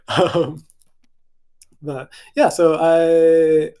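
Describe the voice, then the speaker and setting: A young literary translator from Hawaii, a native English speaker, chats casually on a video call at a virtual event. He hesitates a lot, full of fillers and restarts. His voice sits on the high side, mellow and flat, and he speaks extremely slowly.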